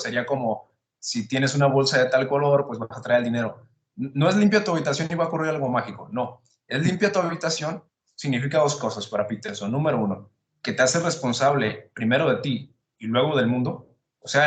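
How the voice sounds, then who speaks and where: A man lays out his ideas in a relaxed, conversational way, often asking himself a question and then answering it. His voice sits at a middle pitch. The room around him has a noticeable echo. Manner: thoughtful, builds arguments with rhetorical questions. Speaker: podcast host explaining psychology. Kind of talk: casual explanatory conversation.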